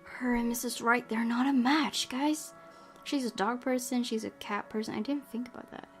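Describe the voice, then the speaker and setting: A woman with a fairly high, steady voice reads a visual novel aloud at a moderate pace. As a game streamer, she mixes in casual commentary, let's-play fashion, while faint music plays.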